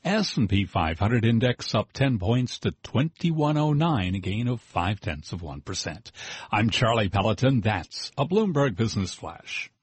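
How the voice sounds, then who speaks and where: A man anchoring a radio business bulletin, reading rapid market news with clipped, headline-style delivery of figures. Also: fairly low pitch, very animated, slightly rough, no room sound. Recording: music behind the voice.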